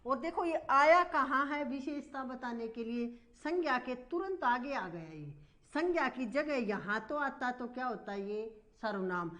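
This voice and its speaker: A woman with a high-pitched voice takes her students through a grammar lesson. She moves step by step, putting a question to the class and then answering it herself. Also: animated, measured pace, a bit bright. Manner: explains step by step, repeatedly asking and answering her own questions. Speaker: Hindi grammar teacher.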